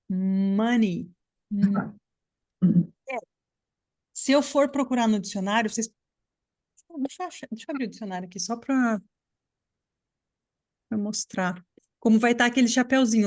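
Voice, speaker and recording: A woman's voice: medium pitch, a little mellow. A woman English teacher giving a live online class on a video call, explaining patiently and checking often that students follow.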